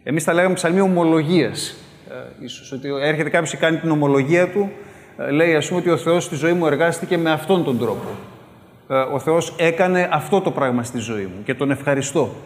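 A man preaching a sermon, animated when he calls out his examples and hushed as he moves toward prayer. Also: a little high, slight background noise. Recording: echoey hall with long reverb.

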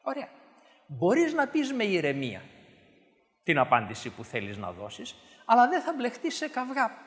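Animated high-voiced preacher in a reverberant hall. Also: male voice. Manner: animated, rising to emphatic bursts then dropping low. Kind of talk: sermon.

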